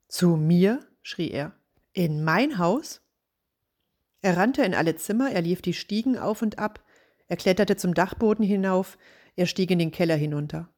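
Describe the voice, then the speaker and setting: A middle-aged woman, a church dean, giving a radio devotional and reading a story gently while voicing its characters. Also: on the low side.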